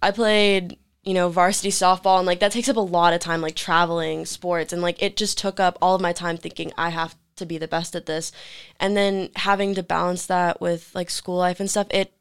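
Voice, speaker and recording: Casual young woman, smooth lowish voice. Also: steady tone, normal speed. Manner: conversational, with many "like" fillers. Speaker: student panelist. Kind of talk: casual panel discussion.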